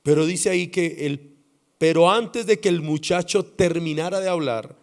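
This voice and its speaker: A man with a Colombian accent preaching a sermon as pastor, dramatic and swinging between loud passages and hushed ones. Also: on the high side, moderate pace.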